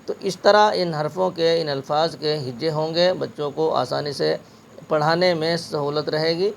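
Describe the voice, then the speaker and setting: A man, teaching a spelling lesson and sounding words out slowly, syllable by syllable. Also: a little high, vocal fry, slight background noise. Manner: slow, syllable-by-syllable spelling drills.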